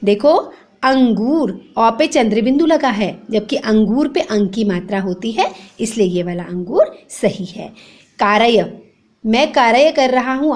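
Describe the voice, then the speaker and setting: A woman teacher giving a grammar lesson to young children, spelling words out slowly letter by letter and asking the class for the right form. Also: fairly high pitch, darkish tone. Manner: repeats the wrong form then the right one, quizzing the class. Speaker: primary school teacher.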